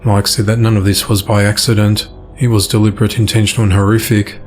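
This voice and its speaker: A man reading crime news from a script in an even newsreader delivery. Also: lowish voice, fast, a little hiss or hum. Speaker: news reader.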